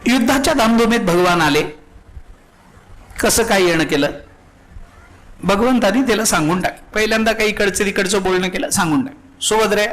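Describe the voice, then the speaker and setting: A man preaches in a high, bright voice, narrating a devotional story. He quotes scripture and acts out the dialogue expressively. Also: poor audio.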